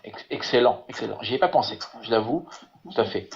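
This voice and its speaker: A man teaching Hebrew in an online lesson over a video call. He talks haltingly, repeating words and filling with "voilà". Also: mid-range voice, gravelly. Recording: muffled lo-fi web call audio.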